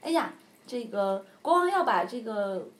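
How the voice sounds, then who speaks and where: A fretful talking horse from a storybook, gossiping with pity about the prince , as a woman puts it on. The voice is pitched high above the teller's own and comes out loud. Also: big pitch swings, unhurried. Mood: worried.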